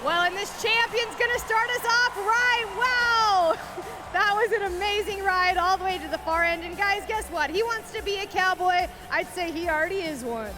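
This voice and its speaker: A woman's voice: very high voice, normal speed. A woman co-announcing a live children's rodeo event in a gushing, encouraging way. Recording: music behind live announcing.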